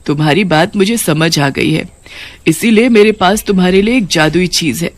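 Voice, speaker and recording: A calm, commanding queen of witches in a cartoon story, as a woman reader voices her. She speaks evenly in a slightly lower register. The recording is dry and close. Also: moderate pace, no room sound, lightly acted. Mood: regal. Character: kindly witch queen granting boons.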